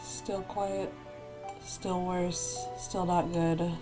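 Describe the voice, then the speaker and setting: Stuffed up hoarse lady streaming from home, lowish voice, quiet chatty vibe, faint music behind. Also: level tone, extremely slow. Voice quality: hoarse, voice worn out. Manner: chatty, many ums, soft-spoken. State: congested, stuffed up. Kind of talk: casual livestream chat. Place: home room. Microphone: desk mic.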